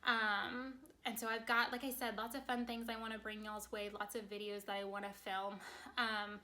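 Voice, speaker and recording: Fast-talking congested woman vlogger. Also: mid-range voice, little pitch movement, sharp tone. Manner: talks very fast, chatty. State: short of breath. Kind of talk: casual chat to camera.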